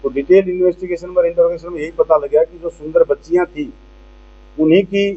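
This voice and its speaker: A man giving an unscripted press statement in a halting, matter-of-fact way. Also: fairly high pitch, steady tone, husky, muffled recording.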